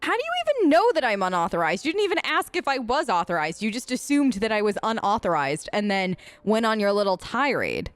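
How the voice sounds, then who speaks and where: Close-miked in a dry recording, this gaming host riffs in character with sarcastic, chatty lines during an improvised role-play let's play. She speaks fairly quickly in a sing-song mid-range voice, rarely pausing.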